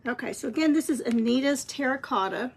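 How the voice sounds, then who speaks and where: A woman with a brisk, high-pitched, gravelly voice and a breathy edge hosts a live-streamed craft painting lesson. Her intonation is lively and her manner chatty and encouraging, despite a scratchy voice and some throat clearing.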